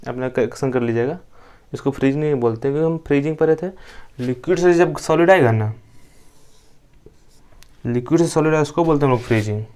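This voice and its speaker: A man's voice: medium pitch, fast, long pauses, a little mellow, smooth. Young man lecturing students, repeating terms. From India. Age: young adult. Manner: asks questions then answers them himself, repeats key terms. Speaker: teacher. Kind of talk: classroom lecture.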